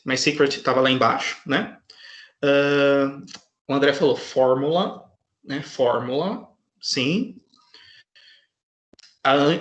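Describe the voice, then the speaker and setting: A man's voice: on the high side, echoey room. A man teaching an English class online in a patient way, often checking in with his students.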